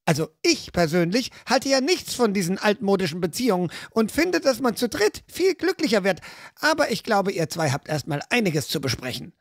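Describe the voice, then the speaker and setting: A man voicing a cheeky, quick-tongued young woman rogue in a fan audiobook, teasing and sly. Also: sits high, big pitch swings, no echo, studio quality, voice pushed up, exaggerated voice. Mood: sly mocking. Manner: mocking, playfully sly.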